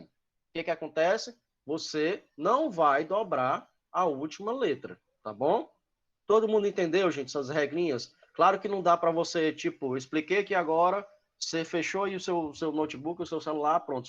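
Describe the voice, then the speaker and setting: A man's voice: fairly high pitch, muffled recording. A man, teaching an online English class and explaining grammar rules patiently. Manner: patient, keeps checking in with "tá?".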